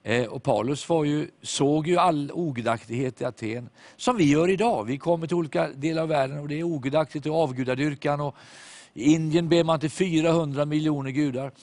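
A man's voice: a little high, a little mellow, no room sound. A man preaching a sermon in an emphatic voice that rises and falls. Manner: emphatic, rising and falling preaching voice.

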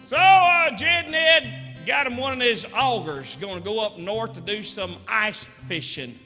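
Male storyteller, high, bright and tense tone, folksy rambling delivery; live hall with guitar. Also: lively intonation, a little slow. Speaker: comedic storyteller. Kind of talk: live stand-up joke telling.

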